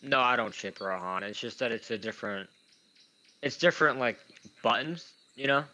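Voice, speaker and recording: Bright-voiced young man saying w for r. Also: medium pitch, lively intonation, moderate pace. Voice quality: says w for r, speech impediment. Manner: informal, rambling, self-deprecating. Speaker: gamer commentating on own play. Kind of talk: casual live gaming commentary.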